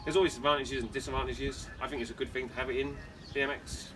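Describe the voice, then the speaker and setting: Fast-talking man, rambling. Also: medium pitch, fairly even intonation, music in the background. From Wales. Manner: rambling, many fillers and restarts. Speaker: professional BMX flatland rider, guest. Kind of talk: casual podcast interview. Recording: distant mic with clear background noise.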